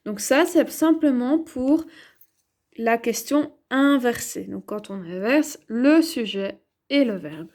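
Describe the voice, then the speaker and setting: Woman, bright high voice, patient classroom explainer, repeats key points, talks through each step. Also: expressive. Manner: slow, clear, repetitive explanation with questions to herself. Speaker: French teacher. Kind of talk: grammar lesson at a whiteboard.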